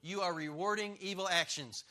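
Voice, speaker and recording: A man's voice: high-pitched, normal speed, sharp tone. A middle-aged man preaching a sermon as a pastor, emphatic and punchy, joking and drawing call-and-response from the crowd.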